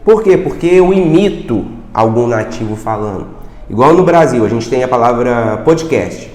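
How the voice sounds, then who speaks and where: A Brazilian man with a Brazilian Portuguese accent, a language teacher giving a casual video lesson, speaking straight to the viewer and often asking quick rhetorical questions. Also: medium pitch, animated, darkish tone. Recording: echoey room with long reverb.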